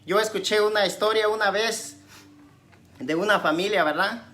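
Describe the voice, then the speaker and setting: A woman preacher giving a conversational sermon, constantly checking in with her listeners and alternating loud emphatic questions with quiet asides. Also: moderate pace. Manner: conversational, tags nearly every phrase with a questioning aside; swings between raised emphatic questions and low asides.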